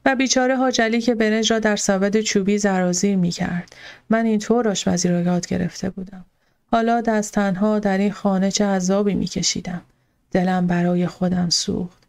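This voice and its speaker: A woman narrating a novel in the first person in a calm, steady storytelling manner. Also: medium pitch. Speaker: audiobook narrator.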